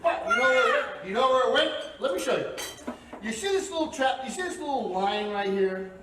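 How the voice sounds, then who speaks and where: A man's voice: very high-pitched, lively intonation, brisk. A man performing a crude comedy magic act, brashly teasing his audience. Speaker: stage magician. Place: live venue before an audience. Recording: echoey live room from far off. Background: loud laughing crowd and noise.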